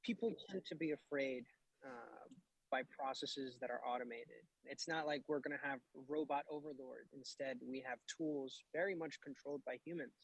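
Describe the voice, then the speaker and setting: A man's voice: medium pitch, normal speed, vocal fry, dry recording, low-quality recording. A man from Ecuador and Puerto Rico, an aerospace engineer, speaking in an upbeat way in a video testimony. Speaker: NASA engineer.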